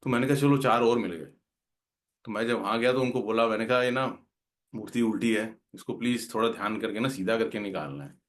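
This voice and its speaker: Speaking quickly in a lowish voice, this guest speaker at a devotional gathering tells a heartfelt story from his own life with earnest feeling. English words slip into his talk here and there.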